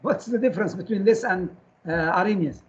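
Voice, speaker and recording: A man's voice: high-pitched, brisk, lo-fi sound. A man lecturing a class on chemistry, firing short questions at students and repeating key terms so they stick.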